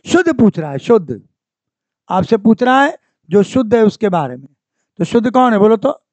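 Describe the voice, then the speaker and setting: High-voiced man teaching spelling. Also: very animated, normal speed, a little mellow, dry recording. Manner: repeats words, asks the class for answers. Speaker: Hindi grammar teacher. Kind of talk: exam-prep class. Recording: dry, dull lo-fi sound.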